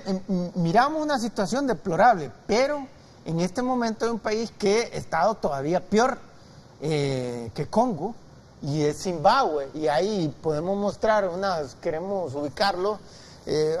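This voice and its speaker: A man's voice: high-pitched, expressive, moderate pace. A man, chatting as an analyst on a TV talk show, hesitating with many fillers and restarts. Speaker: guest analyst. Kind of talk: casual TV talk show discussion. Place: TV studio.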